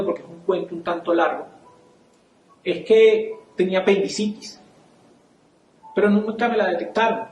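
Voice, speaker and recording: A high-voiced man with a Venezuelan accent tells a personal testimony from the pulpit, acting out each conversation. The sound is roomy, with soft music underneath. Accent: Venezuelan Spanish. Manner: storytelling, acts out dialogue, animated. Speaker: church speaker. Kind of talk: sermon testimony. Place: church.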